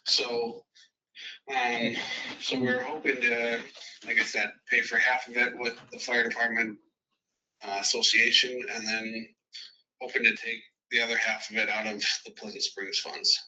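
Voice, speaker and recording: A man serving as fire chief comes through a speakerphone into a meeting room, his voice piercingly bright and distant from the microphone. He reports to the committee in a halting way, full of ums and false starts. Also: mid-range voice, flat delivery, slight background noise. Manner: halting, with frequent ums and restarts. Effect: heard over a phone on speakerphone.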